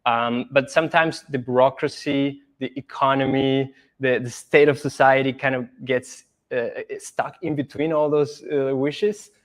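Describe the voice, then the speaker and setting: A man's voice: mid-range voice, steady tone, measured pace, hardly any pauses. A young man from Argentina speaking English as a podcast guest, thoughtful and earnest, with some hesitant restarts. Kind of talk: casual conversation.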